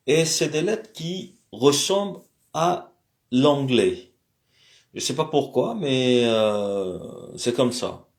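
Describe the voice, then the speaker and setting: Slow, hesitant male language teacher. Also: mid-range voice, creaky. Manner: hesitant, many fillers and self-corrections; repeats words slowly for pronunciation. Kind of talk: casual lesson on the alphabet.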